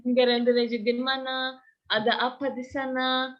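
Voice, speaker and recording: A woman from Turkey with a Turkish accent, speaking Indonesian as a foreigner in halting, simple phrases during a casual online chat. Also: high voice, flat delivery. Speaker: guest speaker. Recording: dull lo-fi online call audio.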